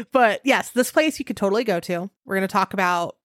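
A woman's voice: mid-range voice, lively intonation, moderate pace, no echo, clean studio sound. A woman co-hosting a podcast in casual chat, upbeat and agreeable as she talks with her co-host.

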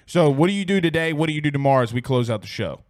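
A man's voice: a little high, expressive, rapid-fire, no echo, clean studio sound. A man hosting a casual sports podcast, rambling and blunt, swearing casually. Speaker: host.

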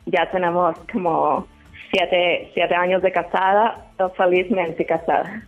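Excited woman caller on phone line. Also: fairly low pitch, a little slow, faint music behind. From Mexico. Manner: excited, hesitant, mixing in English. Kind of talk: phone call to radio show.

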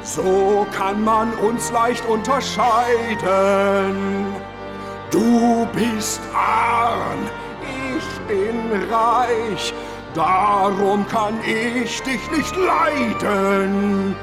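An actor playing a stingy, grumpy old rich uncle in a musical audio drama, curt and scornful, both singing and speaking. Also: male voice, high voice, fairly even intonation, very slow, over loud music, heavily acted. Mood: mocking song.

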